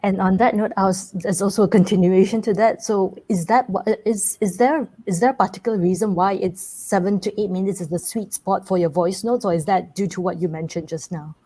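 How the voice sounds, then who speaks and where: A woman's voice: medium pitch, fairly even intonation, brisk, hardly any pauses, warm tone, slightly rough. A woman moderating a discussion, putting questions to panelists in an informal, conversational way.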